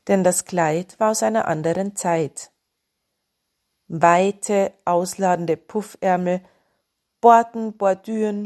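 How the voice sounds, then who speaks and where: A woman narrating short stories in a calm, descriptive reading voice. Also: medium pitch. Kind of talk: storybook reading.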